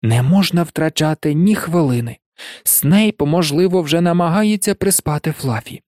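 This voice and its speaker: An animated audiobook narrator tells a fantasy story with a lively, swinging pitch. The voice sits in a middle register. The recording is close and dry, with no room sound. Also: moderate pace, dry recording. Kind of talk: scripted narration.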